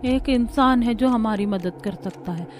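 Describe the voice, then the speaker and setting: A woman's voice: on the high side, unhurried, a little mellow, slight background noise, voice pushed up, close to an everyday voice. A woman voicing a terrified village woman in a cartoon, panicked and pleading. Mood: desperate. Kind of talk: cartoon voice acting.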